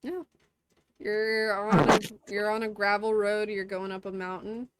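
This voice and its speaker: A woman narrating a tabletop game as game master, slow and halting with fillers. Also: mid-range voice, little pitch movement, very noisy.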